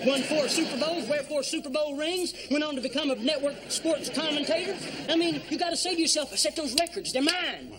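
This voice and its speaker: A man's voice: very high-pitched, animated, a little fast, hardly any pauses. An actor playing a fussy small-town man set to emcee a banquet, giving earnest pep talks. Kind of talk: sitcom acting. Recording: sitcom recording with background noise.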